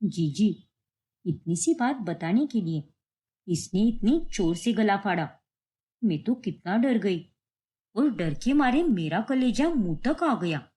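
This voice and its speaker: A woman voices a middle-aged aunt in a cartoon who complains about everything. Her voice is lower than usual and she speaks slowly. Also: lively intonation, warm tone, breathy edge. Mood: complaining.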